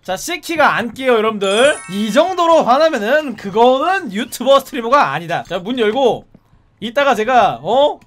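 High-voiced excitable male game streamer. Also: a little slow, faint music behind. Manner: excitable, shouts and repeats short cries; talks to his viewers. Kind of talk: live game stream commentary.

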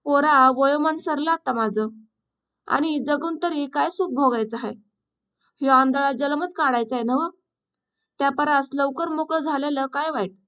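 A woman's voice: sits high, normal speed, fairly bright tone. A woman voicing a sickly, sorrowful blind village woman who talks in rustic village speech.

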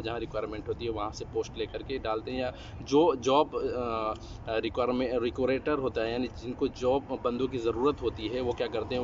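A man's voice: medium pitch, lo-fi sound, a little hiss or hum. Young man vlogging outdoors at night. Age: young adult. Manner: hesitant, many fillers and restarts. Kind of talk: casual talk to camera. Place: outdoors at night, parking lot. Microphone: phone camera, then selfie at arm's length.

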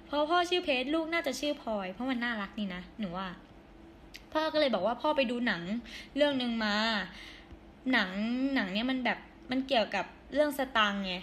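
Young woman, hoarse, high-pitched, giggly, casual live-stream chat. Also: animated, normal speed, a bit bright, slight background noise. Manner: chatty, giggly, reads viewer comments aloud.

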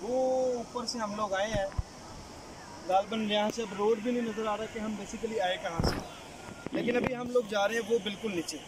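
A man's voice: high voice, steady tone, normal speed. A young man from Pakistan holding a phone at arm's length outdoors, talking to viewers in a chatty, promotional way as a travel vlogger and tour organizer. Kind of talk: selfie travel vlog. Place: outdoors by a road and on a hill trail. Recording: noisy outdoor phone recording.

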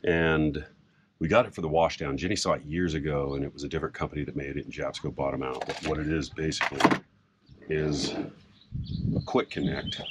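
A middle-aged man casually explaining a boat project outdoors in a sailboat cockpit, relaxed and rambling with frequent fillers. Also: extremely low pitch. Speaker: sailboat owner and vlogger. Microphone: camera on a mount a few feet away. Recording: outdoor recording with background noise.

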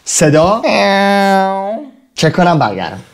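A man's voice: a little high, big pitch swings. A man hosting a casual reaction video, playful and teasing, with jokey sudden jumps in his voice. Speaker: YouTuber reacting to TikTok clips.

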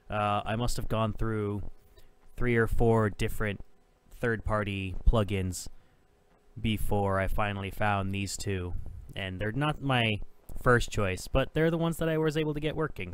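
A young man hosting a casual audio software tutorial, rambling and loose with fillers. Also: lowish voice, clean tone. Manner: rambling, with many fillers and restarts. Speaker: tutorial host.

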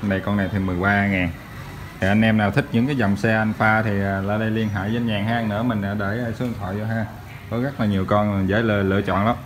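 A man with a southern Vietnamese accent giving a chatty, hesitant used-vehicle salesman's pitch in a casual walkaround, filmed by handheld phone in a showroom. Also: fairly even intonation, quick pace. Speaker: used motorbike shop salesman. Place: tiled motorbike showroom. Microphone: handheld phone behind camera. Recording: noisy handheld recording with vehicle sounds.

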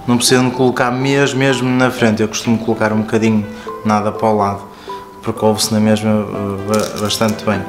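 A man with a European Portuguese accent gives a relaxed, informal product review and walkthrough, explaining as he goes. His voice sits on the low side, with flat delivery and a slightly fast pace. The room sounds echoey, and music plays in the background.

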